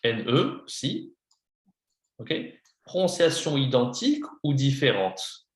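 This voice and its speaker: This French teacher has a medium-pitched voice with huge pitch swings, speaking slowly in an echoey room. His one-on-one lesson for a beginner is patient and repetitive, spelling out words letter by letter and dropping into English to explain.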